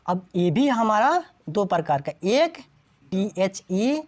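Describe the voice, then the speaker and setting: A woman's voice: medium pitch, sing-song, slow pace, a little mellow. A woman teaching English grammar to a classroom, constantly checking whether students follow.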